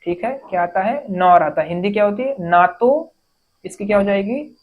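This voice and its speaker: A woman teaching an exam-prep grammar lesson, explaining step by step, asking questions and answering them herself, and reading example sentences slowly. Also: mid-range voice, animated, narrow, tinny audio. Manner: reads English sentences slowly, word by word.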